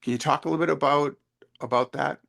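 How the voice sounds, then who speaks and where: A man hosting a conversational interview, thinking aloud in a measured, discursive way. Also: on the high side, fairly even intonation, vocal fry, fairly bright tone. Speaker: podcast interviewer.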